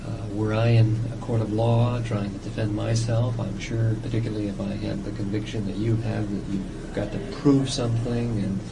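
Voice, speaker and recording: A man speaking as a psychiatrist in a recorded evaluation interview, explaining things deliberately and at length, with hesitant pauses. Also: fairly low pitch, flat delivery, creaky. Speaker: psychiatrist doing a competency examination. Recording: noisy old interrogation-style tape.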